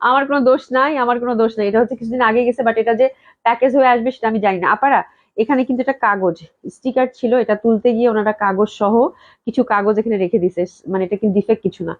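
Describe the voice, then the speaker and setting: A woman from Bangladesh hosting a live clothing sale. She chats nonstop, repeats the price again and again and drops English phrases into her pitch. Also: fairly even intonation. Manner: talks slowly on purpose to hold back a cough. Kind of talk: fast live-stream sales pitch. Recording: dull lo-fi live-stream audio.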